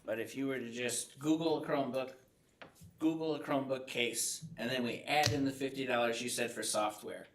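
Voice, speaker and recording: A board member questioning a presenter about costs in a probing, skeptical way. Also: male voice, mid-range voice, fairly even intonation, normal speed. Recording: echoey room, mic at a distance.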